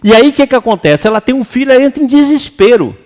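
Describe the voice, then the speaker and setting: A man with a Brazilian Portuguese accent giving a lively, colloquial seminar lecture to an audience. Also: very high-pitched, fast. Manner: animated and colloquial, acts out quoted voices. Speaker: seminar speaker. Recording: reverberant hall.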